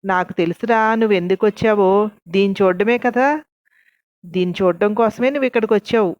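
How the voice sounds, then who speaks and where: A woman narrator voicing a fierce, angry middle-aged neighbor woman who scolds loudly. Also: mid-range voice, fairly quick, no room sound, lo-fi sound, lightly acted. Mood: scolding. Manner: loud, scolding.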